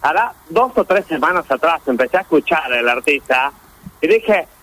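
A man with a Rioplatense accent calling in to a radio show, telling a story in an excitable, playful way. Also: on the high side, moderate pace, rough recording. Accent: Rioplatense Spanish. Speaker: caller. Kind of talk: phone-in chat on radio.

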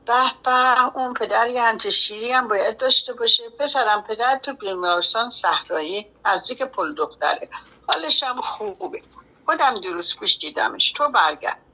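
A woman's voice: on the high side, expressive, sharp tone, breathy edge, exaggerated voice. A woman voicing a fatherly wartime commander. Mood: warm. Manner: fatherly, emotional. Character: kindly middle-aged male front commander. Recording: dull lo-fi recording.

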